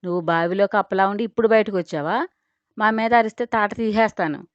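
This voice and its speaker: A woman voicing a sharp-tongued young man who mocks and accuses. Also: mid-range voice, brisk, no room sound, lightly acted. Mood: mocking. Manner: sharp, taunting. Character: sneering, mocking young man confronting a father. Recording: dry, dull lo-fi recording.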